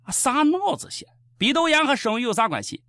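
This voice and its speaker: Speaking briskly in a very high voice with big swings in pitch, a man with a Shaanxi accent hosts a satirical news show, offering sarcastic, mocking commentary in colloquial language. The background is noisy.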